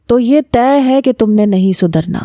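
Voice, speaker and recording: A stern, reproachful father figure who scolds with a mellow, rounded tone, voiced by a woman reading aloud. The recording is close and dry, with no room sound. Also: on the high side, expressive, no echo, voice pushed up. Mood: scolding.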